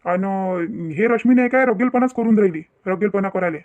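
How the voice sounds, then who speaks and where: A man's voice: high voice, normal speed, a little mellow, lightly acted. A man voicing a stressed young married man, hesitant and complaining, who stammers in a cartoon family drama.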